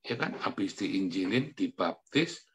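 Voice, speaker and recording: A male pastor giving a chatty, colloquial sermon, often turning to the congregation, laughing at himself and breaking into sudden loud outbursts between quiet asides. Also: sits low, expressive, a little slow. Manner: colloquial, chatty preaching, keeps addressing the congregation; self-mocking, laughs as he talks.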